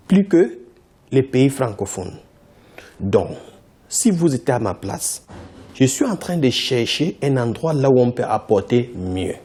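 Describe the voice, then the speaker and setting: A TV interview guest and company founder from Cameroon, native in English, answers with insistence and a lively pitch. He keeps restating his points.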